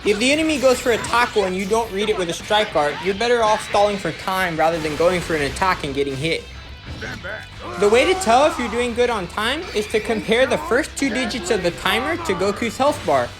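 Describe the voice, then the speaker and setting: A medium-pitched gameplay guide narrator explains and instructs at a brisk pace with lively intonation. The voice-over sits over clearly audible music.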